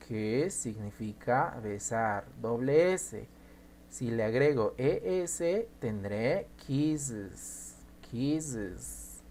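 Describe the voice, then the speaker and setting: Slow, patient male English teacher. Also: medium pitch, a little mellow, slight background noise. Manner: slow, patient, repeats and spells out each example. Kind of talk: recorded grammar lesson.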